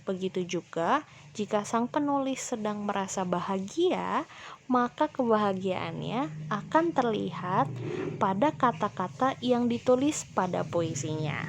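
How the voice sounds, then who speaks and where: A woman's voice: medium pitch, a little hiss or hum. A woman teacher giving a recorded lesson to children, explaining patiently and speaking straight to the class. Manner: slow, patient explaining, addresses the class directly.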